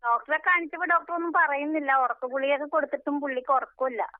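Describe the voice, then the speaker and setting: A woman calling in to a television health show, answering questions in short, halting sentences. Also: sits high, steady tone, no room sound. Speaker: caller. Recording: tinny phone line.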